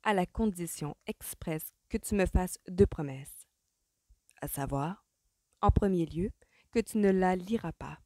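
A woman's voice: fairly low pitch, a little slow, warm tone, no echo, clean studio sound, lightly acted. A woman voicing a determined, sarcastic young woman who gives her brother firm orders, in a French audiobook. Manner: sarcastic, commanding.

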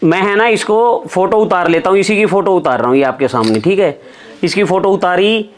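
A man's voice: high-pitched, lively intonation, a little fast. A young adult man hosting a casual shopping vlog, reacting in an upbeat, impressed way, on a lapel mic in a clothing shop. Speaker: vlogger, show host. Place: indoor clothing warehouse shop.

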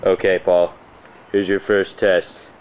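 A man behind a handheld camera outdoors, bossing a friend through silly tasks and yelling excitedly at times. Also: low-pitched, takes it slowly, a little hiss or hum. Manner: bossy and joking, breaks into excited yelling. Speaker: camera operator giving tasks. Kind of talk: goofy home-video comedy. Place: outdoors in a neighborhood.

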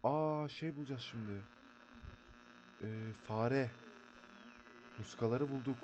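A man's voice: mid-range voice, slow, a little mellow, slight background noise. A man commentating a horror game as he plays, jumpy and panicky, chatting to himself, muttering prayers and shrieking when scared. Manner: chatty, talking to himself while playing. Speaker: gameplay streamer.

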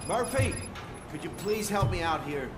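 Flustered higher-voiced desk cop. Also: male voice, expressive, normal speed. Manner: flustered, pleading. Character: harried, overworked male police desk officer.

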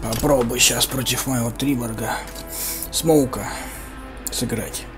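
A man with a medium-pitched voice gives casual gameplay commentary. He speaks informally in short, slangy reactions, with game music clearly playing behind him. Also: steady tone, takes it slowly. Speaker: gamer.

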